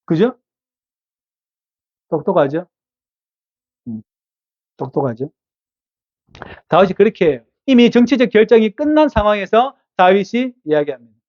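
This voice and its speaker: High-voiced male pastor preaching. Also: sing-song, normal speed, long pauses, a little mellow, no echo, highs cut off. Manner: conversational, asks the congregation rhetorical questions. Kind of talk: sermon. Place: church at an evening service.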